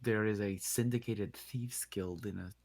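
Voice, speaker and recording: A man with a low, gravelly voice thinks aloud in character during a tabletop game. He talks in a measured, musing way, with the odd dry joke. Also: steady tone, darkish tone. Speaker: player.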